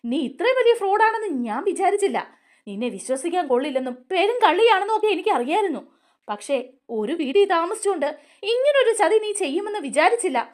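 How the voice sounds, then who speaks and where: Woman doing a stern older brother type, scolding, high lively voice. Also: fast. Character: grown man, head of the family, stern.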